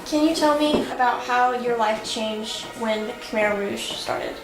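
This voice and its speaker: A woman's voice: a little high, measured pace. A woman interviewer asking brief, polite questions. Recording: echoey room, from far off, music behind.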